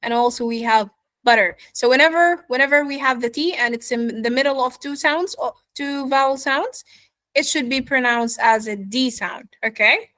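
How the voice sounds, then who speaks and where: Woman accent coach on a video call, higher voice, unhurried, dry close sound, constant "okay?" check-ins. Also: pushed and bright. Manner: checks in with "yeah?" and "okay?" after nearly every phrase; repeats model words slowly for students to echo. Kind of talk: live online pronunciation lesson.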